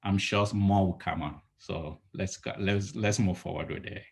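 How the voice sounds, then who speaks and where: A man in his thirties from Cameroon, appearing as an entrepreneur guest in a casual video call interview, speaks from his home living room through a laptop webcam. His low, creaky voice holds a fairly even intonation at normal speed. He gives earnest, rambling advice and often restarts his sentences.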